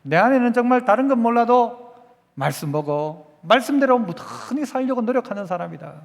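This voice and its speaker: A man's voice: extremely high pitch, expressive, moderate pace, creaky. A male pastor preaching a sermon, emphatic and repeating his exhortations. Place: church sanctuary. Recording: long reverb in a church hall.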